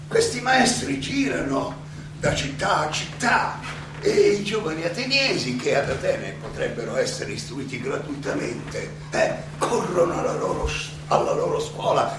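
An old Athenian philosopher on trial delivers a heavily acted, theatrical monologue in conversational oratory, his gravelly voice high for a man. Ironic and musing, he halts, hesitates, repeats himself and chuckles wryly, heard from a distance in a very echoey recording with clear background noise.

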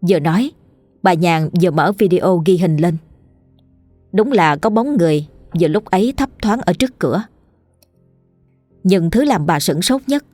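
A woman reading a scripted horror story in a steady, suspenseful way. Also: lowish voice, no room sound. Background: faint music.

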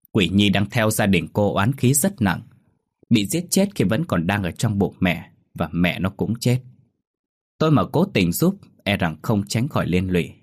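A man's voice: on the low side, slightly rough, full character voice. A man playing a curt, aloof male shaman of about fifty, in a spoken ghost story. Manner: curt, grave, dismissive.

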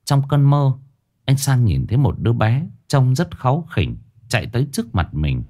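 A man reading a scripted ghost story as narrator, with expressive storytelling. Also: mid-range voice, normal speed. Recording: faint music behind.

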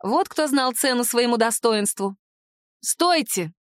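A woman narrating a first-person audiobook in a lively, ironic manner. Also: medium pitch, a little fast, no room sound, clean studio sound.

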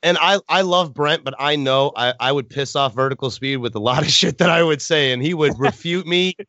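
Male podcast host, slightly high voice, casual and profane, lo-fi dry recording. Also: brisk, sharp tone, no echo. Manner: swearing, laughing often, rambling.

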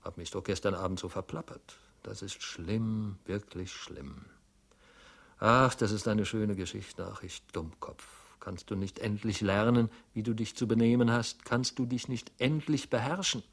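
A nervous, fretful clerk talking himself in circles, read aloud by a man with a low voice. He mutters, scolds himself and swings from sudden loud worry to near-whispers. The tone is that of a classic radio reading. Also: steady tone, a little slow, vocal fry. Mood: fretful musing. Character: anxious fretful male clerk, middle-aged, self-reproaching.

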